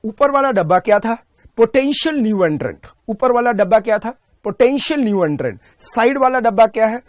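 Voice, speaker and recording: A man teaching an exam-prep class in a recorded online lecture. He drills each point by asking a question and answering it himself, and he slows right down on key terms. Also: extremely high pitch, lively intonation, no room sound, studio quality.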